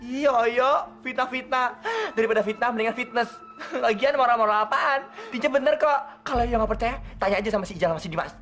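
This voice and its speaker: A woman's voice: on the high side, a little fast, few pauses, a bit bright, lightly acted. An actress playing a whiny, theatrical woman who shrieks, cackles and fake-sobs in a sinetron comedy. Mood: cheeky. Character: whiny, theatrical grown woman, fussing and wailing.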